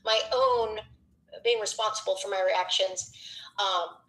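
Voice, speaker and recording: A middle-aged woman, a former radio DJ, talking as a guest in a rambling, animated way, acting out what people said to her. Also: medium pitch, unhurried, poor audio. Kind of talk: reflective conversational chat.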